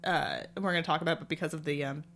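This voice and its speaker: A woman hosting a casual chat, talking quickly and laughing often. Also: low voice, gravelly, fairly bright tone. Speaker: podcast host.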